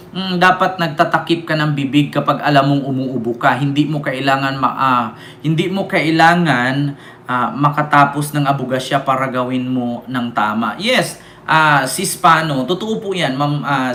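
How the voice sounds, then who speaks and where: A Filipino man vlogs heated political commentary in a mid-range voice at normal speed, pushed and bright, scolding his target and reading viewer comments aloud. He fires off constant rhetorical questions, repeatedly asking "di ba?". The echoey room carries faint ambience and slight background noise.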